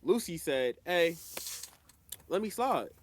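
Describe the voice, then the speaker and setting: Animated man recapping an anime. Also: a little high, slow pace. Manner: animated, acts out characters' lines mid-recap. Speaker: podcast co-host. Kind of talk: casual anime recap chat.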